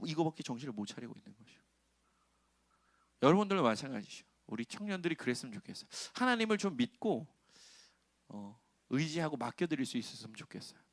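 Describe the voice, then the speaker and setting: A middle-aged male pastor gives a sermon to young adults, with a fairly high voice that rises and falls a great deal. He talks in a conversational way, puts questions to his listeners and acts out quoted lines. The sound is dry and close, with no room echo. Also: vocal fry.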